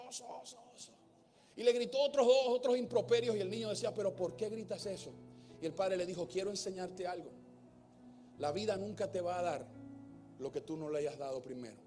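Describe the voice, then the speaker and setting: A man with a high voice preaches a sermon from the pulpit of a church. He builds to loud, emphatic peaks, then drops into soft, low asides. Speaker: pastor.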